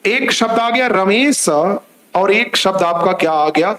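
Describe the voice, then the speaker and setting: A man's voice: sits high, expressive, takes it slowly, fairly bright tone, soft background music. A man teaching an online grammar class. He explains step by step, repeating points and asking rhetorical questions, and he addresses his listeners as children.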